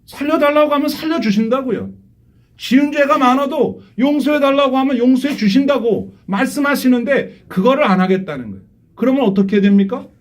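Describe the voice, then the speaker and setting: A middle-aged male pastor preaching a sermon in a church, earnestly acting out prayers and quoted voices, moving between hushed asides and emphatic calls. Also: very high-pitched, animated, a little fast. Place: church sanctuary.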